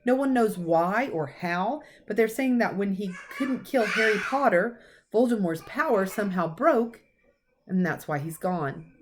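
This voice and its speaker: A woman's voice: medium pitch, expressive, a little slow, slight background noise, pitched above the performer's own voice, lightly acted. A woman voicing a stern, anxious older witch professor in a storybook reading, emphatic and indignant. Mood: shaken, distressed.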